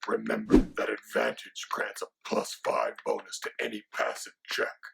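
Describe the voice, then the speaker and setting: A gravelly, rasping dragon. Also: male voice, lowish voice, sing-song, moderate pace, noisy background, exaggerated voice. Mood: instructive. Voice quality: gravelly, rasping half-whisper. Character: menacing gravelly male dragon, haughty and hungry. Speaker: co-host.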